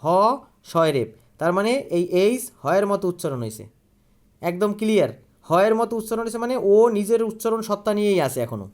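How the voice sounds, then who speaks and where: A man's voice: high-pitched, sing-song, fast talker, darkish tone. A man teaching an online grammar lesson. He asks questions, answers them himself and repeats key words.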